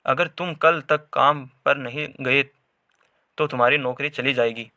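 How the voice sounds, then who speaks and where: A man's voice: mid-range voice, fairly even intonation, a little slow, sharp tone, dry recording, studio quality. A man voicing a worried young wife who pleads with her husband. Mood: pleading.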